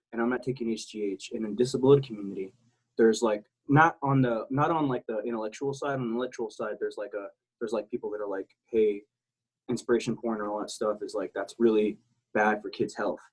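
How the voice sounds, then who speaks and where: A man's voice: lowish voice, fairly even intonation, fairly quick, husky, poor audio. A man from South Texas talking casually as a podcast guest, candid and rambling, swearing freely. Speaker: guest, military veteran.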